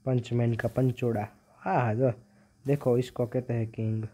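The teen gamer, about 15, talks through his gameplay at normal speed in a warm, level mid-range voice. The audio is lo-fi and muffled, much like a phone recording.

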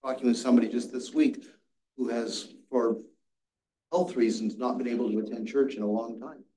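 A steady, mellow, mid-range voice at a moderate pace belongs to an older man leading a Sabbath school Bible study. He earnestly tells a story with frequent restarts, heard from across a reverberant church classroom where his audience sits.

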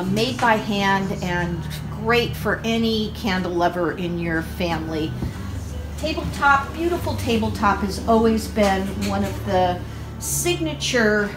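An older woman with a fairly high voice leads a cheerful walking tour through her farm shop, listing gifts with easy enthusiasm. She is recorded on a phone as she walks, in a roomy space with clear music in the background. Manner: upbeat, enthusiastic, listing items. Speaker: shop owner giving a tour. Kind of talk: casual walking tour narration.

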